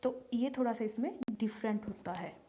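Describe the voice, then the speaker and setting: A woman's voice: a little high, moderate pace, dark tone. A woman teaching English letter sounds, speaking patiently and repeating each example word. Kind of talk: slow phonics lesson for beginners.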